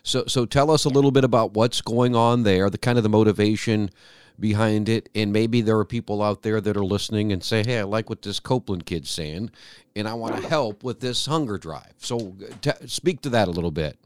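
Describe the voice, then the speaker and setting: A man's voice: fairly low pitch, a little fast, clear, resonant tone, no room sound. A man hosting a local radio interview, chatty and loose, restarting his sentences as he talks. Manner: friendly, loose and chatty with repeated starts. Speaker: radio host.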